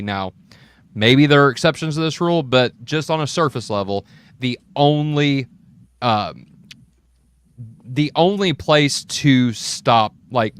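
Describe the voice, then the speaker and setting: A welder on an open mic panel chats casually in a mid-range, slightly bright, clean voice. He explains things with examples and keeps checking in with "right?".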